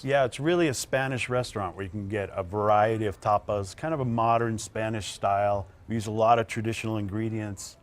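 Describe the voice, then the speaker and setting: Relaxed male chef, low voice. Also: fairly quick, hardly any pauses. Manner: relaxed, plain, explains dishes with fillers. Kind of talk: guest chat while cooking on TV.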